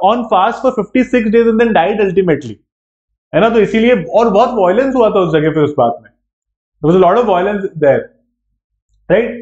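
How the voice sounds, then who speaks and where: A law entrance exam teacher with an Indian English accent runs a live online prep class, his fairly high, slightly mellow voice chatty as he checks in with students through frequent tag questions. The sound is dull and lo-fi in an echoey room.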